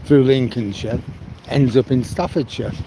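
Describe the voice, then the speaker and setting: Walking a riverside promenade, a chatty vlogger from Manchester, England, livestreams casually and responds to viewers by name in a mixed northern English accent. His voice is medium-pitched, gravelly and unhurried, heard over background noise.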